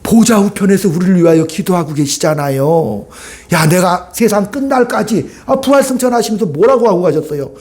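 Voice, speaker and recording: A male pastor preaching a Sunday sermon in an animated, conversational way, often calling out for amens from the congregation. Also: high-pitched, a little fast.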